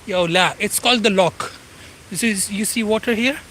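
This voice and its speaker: Strolling outdoors by a river, a non-native English-speaking man in his forties gives a meandering vlog commentary, often pausing to search for words. His voice is high and sharp, delivered at a moderate pace, with a little hiss or hum present.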